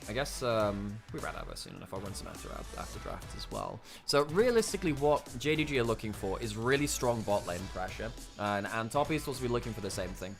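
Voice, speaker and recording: Animated male esports caster. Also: fairly low pitch, a little fast, gravelly, few pauses, over music. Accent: non-American English. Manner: animated, excitable, laughs at his own jokes. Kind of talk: live esports casting.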